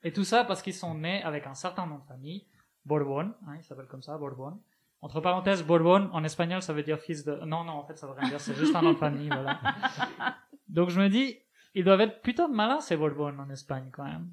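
Male columnist, fairly high voice, ironic scripted comedy chronicle. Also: animated, brisk. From Spain. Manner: ironic, joking, reads with asides and laughs. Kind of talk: humorous radio chronicle read from a script. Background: other panelists laughing.

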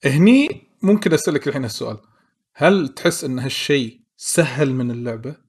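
A man's voice: medium pitch, lively intonation, a little fast, a little mellow, slightly rough. A man with a Gulf Arabic accent hosting a casual chat and asking long, rambling questions. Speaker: host.

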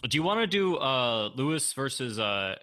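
A man with a bright, forceful voice at a middle pitch chats casually as a podcast co-host. He hesitates often and fills gaps with ums and uhs. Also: very animated, normal speed. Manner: loose and hesitant, lots of um and uh. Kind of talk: casual chat.

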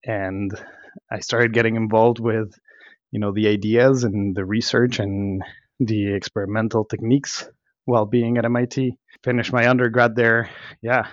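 A man's voice: lowish voice, little pitch movement, moderate pace, no echo, dull audio. A man in his thirties from Mexico, a company CEO giving thoughtful interview answers with frequent restarts.

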